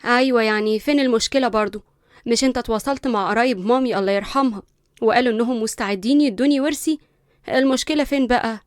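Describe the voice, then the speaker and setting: A woman's voice: fairly high pitch, rapid-fire, no echo, clean studio sound, natural voice. Linda, a woman playing a spoiled haughty girl. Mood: dismissive. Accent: Egyptian Arabic. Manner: haughty, scornful, loud. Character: spoiled arrogant rich young woman.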